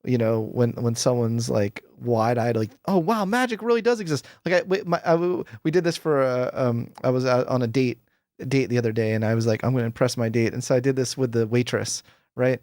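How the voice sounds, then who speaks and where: Wearing a headset with a boom mic in a bookshelf-lined room at home, a man in his forties appears as a guest psychologist in a casual interview. He talks fairly quickly in a mid-range, darkish voice, animated and eager, laughing and using lots of fillers. The audio is studio quality with no room sound.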